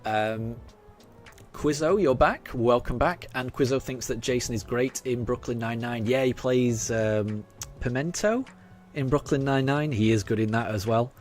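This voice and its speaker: With a medium-pitched voice at normal speed, a man in his forties from Yorkshire, England, streams a game while talking to his chat. His Yorkshire accent has faded, and his chatter is hesitant, peppered with ums and restarts over the game music.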